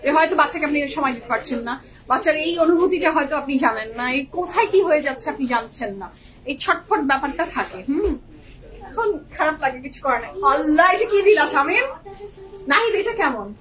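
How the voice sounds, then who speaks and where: A woman's voice: sits high, expressive, fast, fairly bright tone, poor audio. A woman hosting a live-stream clothing sale, gushing over each dress and mixing English into her talk; a working mother. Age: young adult or 30s, a working mother. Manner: gushing, mixes English into Bengali.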